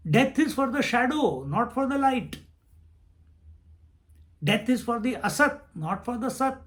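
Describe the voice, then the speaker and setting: High-voiced swami teaching. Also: male voice, sing-song, a little slow. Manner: repeats phrases, chants verses. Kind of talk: spiritual discourse.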